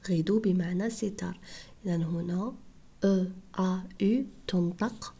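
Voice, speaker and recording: Woman whispering a french lesson for kids, breathy and gravelly, slow patient syllables. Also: on the low side, dark tone. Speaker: French teacher for primary pupils.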